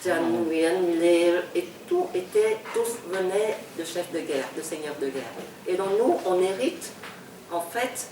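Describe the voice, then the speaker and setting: An older woman novelist with a Vietnamese accent reminisces in an interview, her lowish voice warm and expressive. She speaks haltingly, repeats words and laughs often. She is off-mic in an echoey room, so she sounds distant, with slight background noise.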